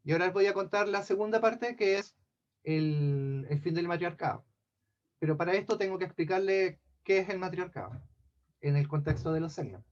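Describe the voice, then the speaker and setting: A man casually tells old myths to a group, pausing and restarting with chatty asides. His voice is a little high for a man. The recording sounds dull and lo-fi. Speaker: storyteller. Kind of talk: casual spoken myth telling. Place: talk for a scout group.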